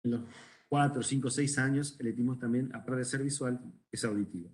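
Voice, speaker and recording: A man's voice: medium pitch, brisk, darkish tone. A middle-aged man with a Rioplatense Spanish accent, an ENT doctor lecturing medical students, asking the class questions and telling stories from his practice. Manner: conversational, asks the class questions, tells anecdotes.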